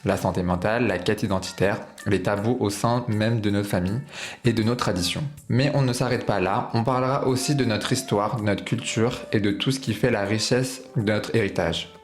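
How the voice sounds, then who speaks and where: Man, podcast host, low voice, smooth reading, halting questions, faint music behind. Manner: smooth when reading, halting with fillers when asking. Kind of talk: scripted intro, then casual interview.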